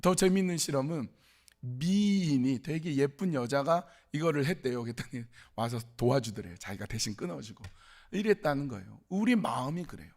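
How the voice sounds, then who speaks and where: A man's voice: medium pitch, expressive, normal speed. A man preaching a sermon at a youth service, telling stories in a conversational way and acting out the quotes. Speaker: pastor.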